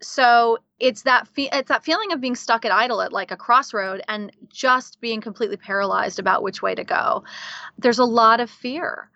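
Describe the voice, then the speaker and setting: A woman guest talking in a casual interview, animated, laughing often and leaning on filler words. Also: fairly high pitch, moderate pace, gravelly, lo-fi sound. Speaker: guest coach.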